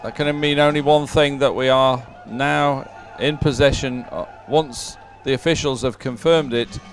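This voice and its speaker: Here the sports commentator has a medium-pitched voice, fairly even intonation and a measured pace, with soft music in the background. His live commentary is relaxed, chatty and jovial, like a conversation with a colleague.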